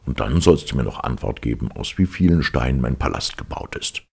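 A gruff, commanding fairy-tale king, as a man reads him aloud, with a very deep, gravelly voice. He speaks slowly and firmly, with a husky edge. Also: expressive, warm tone, exaggerated voice. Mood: stern. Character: stern commanding old male king.

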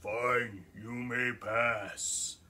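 A man's voice: mid-range voice, little pitch movement, extremely slow, pushed and bright, heavily acted. A man voicing a grumpy female troll in a read-aloud picture book, with a scratchy, roaring delivery. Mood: menacing.

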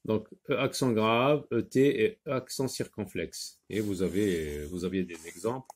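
A man's voice: on the low side, measured pace, breathy edge. A man teaching a recorded French reading lesson, patiently repeating each word aloud for pupils.

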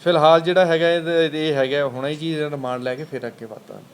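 A man's voice: a little high, fast, clean tone. A man, a police officer briefing reporters in a rambling way, full of fillers and formal police terms. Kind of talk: press briefing answering reporters.

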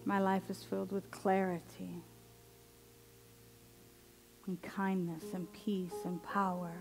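A woman minister leading a guided affirmative prayer in slow, deliberate, meditative phrases with long pauses. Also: mid-range voice, little pitch movement, gravelly, music in the background, rough recording. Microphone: headset microphone.

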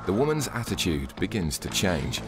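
A man narrating a documentary in a measured, scripted voice-over. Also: deep voice, very animated. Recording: studio voice-over with loud music behind.

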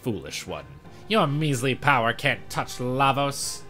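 A cruel, gloating tyrant from a video game, played by a man. The delivery is slow and theatrically menacing, with big swings in pitch and a forceful edge. Music plays faintly behind. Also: sing-song. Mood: mocking, gloating. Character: cruel gloating tyrant serving a monstrous power.

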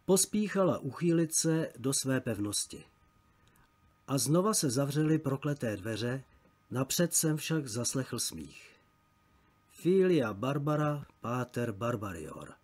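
A man reading a travel story aloud as an audiobook narrator, measured and literary. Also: medium pitch, animated, darkish tone.

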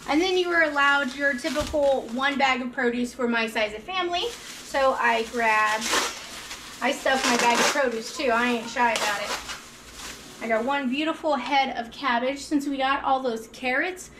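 Upbeat, high-voiced mom vlogger. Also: female voice, moderate pace, pushed and bright, a little hiss or hum. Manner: upbeat, enthusiastic, talks straight to viewers. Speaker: vlogger, mother. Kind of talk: casual chatty vlog.

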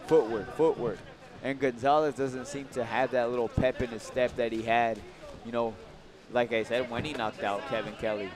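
A man's voice: mid-range voice, steady tone, moderate pace, a crowd in the background. A man giving casual live boxing commentary.

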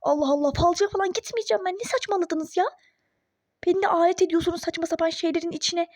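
A woman's voice: very high-pitched, fast talker, no room sound, clean studio sound. A woman voicing an irritable, skeptical young pregnant mother in a phone-game role-play story, snappish and sarcastic. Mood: exasperated.

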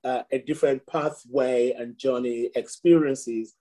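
A middle-aged priest raised in Nigeria speaks as a guest on a video call from a home room lined with shelves. His medium-pitched voice is steady, unhurried and dark in tone, and he sounds reflective, using many fillers and restarts.

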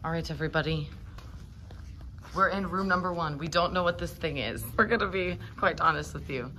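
A woman's voice: sits low, fairly quick, loud music behind the voice. A young woman vlogging as she explores an abandoned hospital, chatty and laughing often, recorded on a handheld camera. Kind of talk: casual vlog narration.

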